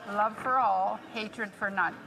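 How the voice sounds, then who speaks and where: A woman's voice: medium pitch, slow pace, creaky. A woman reading a formal, prepared statement as a member of parliament. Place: indoor legislative chamber. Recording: some chamber noise behind.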